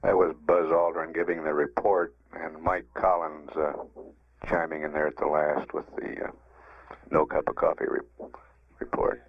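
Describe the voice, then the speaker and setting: A man's voice: extremely low pitch, level tone, moderate pace, dry recording. An American man giving matter-of-fact mission status commentary as a public affairs announcer. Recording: dull 1960s broadcast recording.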